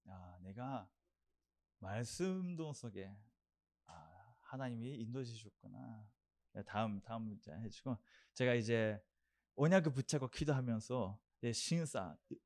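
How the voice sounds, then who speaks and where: A young man preaches a sermon with an earnest, repetitive delivery. His voice sits at an ordinary pitch for a man, and now and then he has the congregation repeat declarations after him. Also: a little mellow.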